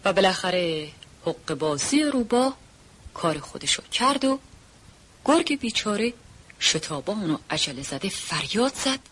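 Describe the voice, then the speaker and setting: A narrator telling a children's story in an expressive storytelling way, with a husky voice. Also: mid-range voice.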